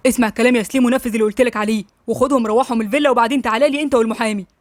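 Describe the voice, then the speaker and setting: A woman with an Egyptian accent voicing a hot-tempered young husband, blunt and brisk. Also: a little high, steady tone, no room sound, clean studio sound, natural voice. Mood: firm. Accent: Egyptian Arabic.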